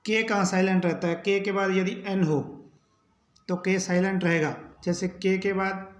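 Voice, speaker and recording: A man teaching English pronunciation in a slow spelling lesson, spelling out each word letter by letter and then repeating how it is said. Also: sits high, fairly even intonation, roomy sound.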